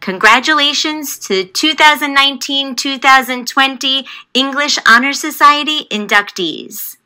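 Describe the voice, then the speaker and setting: A woman's voice: high voice, bright, forceful tone, poor audio. A woman carefully reading a long list of honor society inductees' names. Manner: careful, deliberate name reading.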